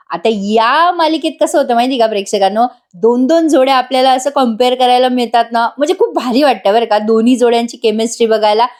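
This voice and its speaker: A woman recapping a TV serial episode in a voice-over review, chatty and excited, laughing often. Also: a little high.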